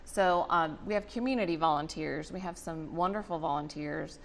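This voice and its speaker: Lower-voiced chatty woman, noisy recording. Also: normal speed, vocal fry. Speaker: guest, representative of a volunteer reading charity. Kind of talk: conversational interview answers.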